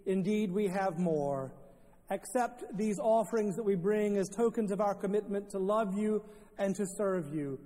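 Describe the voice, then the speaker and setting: A man's voice, pitched high but soft and mellow, leads a communion liturgy with solemn, measured phrasing. He is a pastor speaking in a large church sanctuary. A long reverberant hall echo trails each line, as if heard from a distance.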